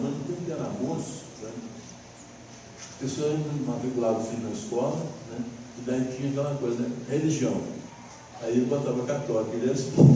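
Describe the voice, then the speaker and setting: This spiritist speaker is a middle-aged man whose Brazilian Portuguese accent comes through in his medium-pitched voice. He lectures in a homespun way, frequently closing with tag questions. The recording is made from a distance in a roomy hall, with a noisy background.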